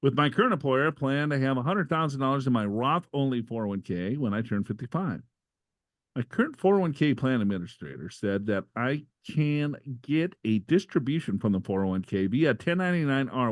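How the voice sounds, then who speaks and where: A man's voice: medium pitch, dry recording. A man co-hosting a podcast, reading out listener letters and breaking off for playful jokes. His voice sits in a middle range and sounds dry and close, with no room around it. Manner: joking, reads letters aloud with asides. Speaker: co-host reading listener questions. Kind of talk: casual podcast banter.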